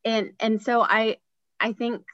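A woman's voice: a little high, level tone, slow pace, a bit bright, no echo, highs cut off. Emphatic woman podcast host, dry sound. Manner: emphatic, rhetorical questions. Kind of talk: casual conversation.

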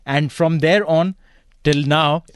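An Indian man with a fairly high voice co-hosts talk radio. He speaks in a conversational, anecdotal manner, recorded close and dry. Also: steady tone, slow pace, clean tone, no room sound. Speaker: radio co-host.

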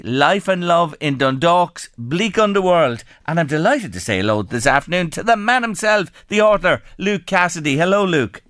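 A man's voice: a little high, fairly bright tone, clean tone, dry recording. Irish male radio presenter, folksy and effusive, clean resonant voice in a dry studio. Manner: effusive, folksy, asks rhetorical questions. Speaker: radio show host. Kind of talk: chatty local radio presenting.

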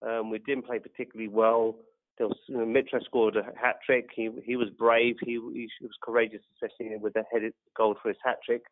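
Over a narrow, phone-like line, a man gives his take as a football fan guest. His commentary is unscripted and stop-start, with words repeated as he thinks, in a mid-pitched voice. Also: little pitch movement, a little fast. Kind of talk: unscripted post-match commentary. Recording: tinny, phone-like call.

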